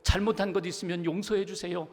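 A devout young wife, voiced by a male preacher, pleads in prayer in a soft, earnest tone. Her voice carries the long reverb of a church hall. She sounds gentle and persistent. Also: medium pitch, moderate pace, voice pushed down, lightly acted. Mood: pleading.

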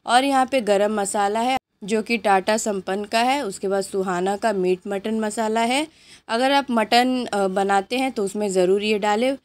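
A woman hosting her cooking channel, chatting unhurriedly through a grocery haul while filming at home on a handheld phone. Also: medium pitch. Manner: chatty, unhurried listing of items. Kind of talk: grocery haul show-and-tell. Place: indoors at home, items on a patterned rug.

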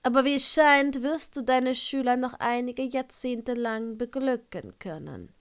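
Woman doing a gruff, sardonic potions master. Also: a little high, a little slow. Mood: dry. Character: curt, sardonic middle-aged male potions master.

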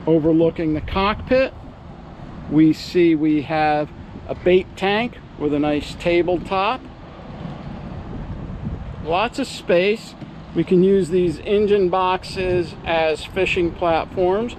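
Slow, high-voiced man touring a boat. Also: a little mellow, a little hiss or hum. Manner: upbeat salesman pitch, pointing out features. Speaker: yacht broker giving a boat tour. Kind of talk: walkthrough tour narration. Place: outdoors on a boat at a marina.

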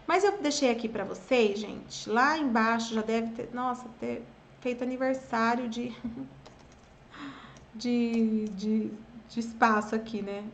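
A woman's voice: fairly high pitch, slow, a little hiss or hum. A woman with a Brazilian accent, teaching an English lesson in a casual, chatty way and drilling pronunciation patiently. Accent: Brazilian Portuguese.

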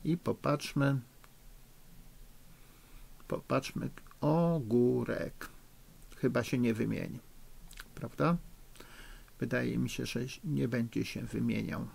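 Middle-aged man, patient schoolteacher reading to kids, husky. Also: medium pitch, fairly even intonation. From Poland. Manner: slow, patient, encouraging, spells out spelling rules. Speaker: teacher. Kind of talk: recorded remote lesson for children. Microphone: recording for a lesson video.

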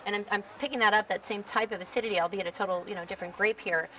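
Quick bright-voiced woman interviewer. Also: mid-range voice, fairly even intonation, recorded from a distance, slight background noise, rough recording. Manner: enthusiastic and talkative. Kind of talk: casual interview. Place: outdoors at a winery.

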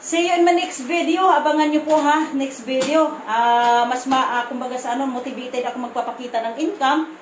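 A woman with a Visayan accent talks to her camera from home in a firm, blunt way, stumbling and restarting her words. Her voice sits high. The room has a marked echo and a faint hum of background noise. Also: fairly even intonation, moderate pace. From Visayas, Philippines. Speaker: vlogger. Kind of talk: casual vlog to camera.

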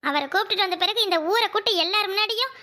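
Casting: woman playing a young cartoon village woman with a southern Tamil Nadu dialect, high and bright, earnest and determined. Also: lively intonation, fast, heavily acted. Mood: anxious. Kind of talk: cartoon voice acting.

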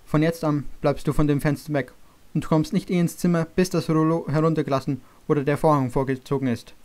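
A man's voice: a little high, steady tone, a little fast, a little mellow, close to an everyday voice. A man playing a stern worried father. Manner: firm and commanding.

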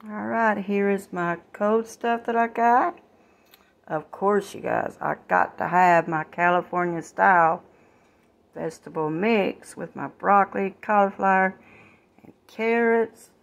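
Chatting with y'all from her kitchen, an older vlogger presents her grocery haul in a relaxed, homey way, filmed on a phone. She speaks a little slowly in a gravelly, medium-pitched voice.

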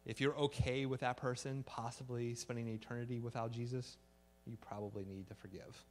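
A pastor giving a conversational sermon, acting out everyday exchanges and ending in prayer. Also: male voice, medium pitch, little pitch movement, a little fast, slight background noise. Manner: conversational, acts out little dialogues, fillers like "like"; earnest prayer to close.

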